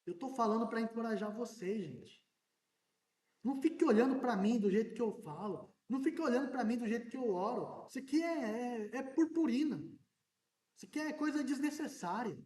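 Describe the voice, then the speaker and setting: A man preaching a sermon as a pastor, in an animated way that now and then breaks into shouting. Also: very high-pitched, fairly quick. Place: church hall. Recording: echoey church hall, mic at a distance.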